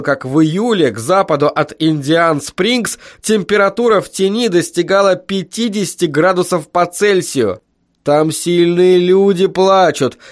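A man doing a loud mocking road foreman. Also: a little high, voice pushed up, lightly acted. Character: big sunburnt jeering male road foreman. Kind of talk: audiobook character voice.

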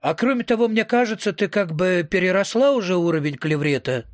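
A man reading aloud who voices a laid-back young man with a low-key, deadpan delivery. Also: fairly quick, dry recording, clean studio sound.

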